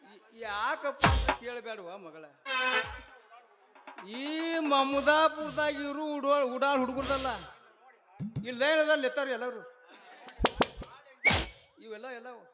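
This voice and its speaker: Stage comedy: a man as a fretful old dad, high and pleading, over loud live music. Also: slow pace, pauses often. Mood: lecturing. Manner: pleading, repeats endearments, loud stage delivery. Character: doting, pleading old father of a daughter. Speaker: stage actor.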